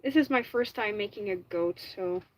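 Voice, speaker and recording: Poor audio captures a woman streaming live as she builds a fursuit; she's a native Dutch speaker with a Flemish accent and a mid-range voice at moderate pace. Chatty and casual, she keeps self-correcting mid-sentence and uses "like" often.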